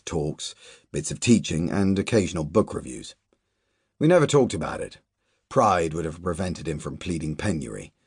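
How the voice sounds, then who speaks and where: Reading a literary novel aloud in the first person, a male audiobook narrator keeps a measured, even delivery and lowers into quiet asides in the dialogue. His low-pitched voice is husky, and the dry recording is studio quality.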